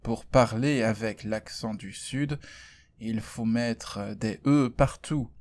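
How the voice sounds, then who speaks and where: Male French tutor, mid-pitched, very slow and clear, deadpan jokes, for learners. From Brittany, France. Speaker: French language teacher. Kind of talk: slow podcast lesson for learners.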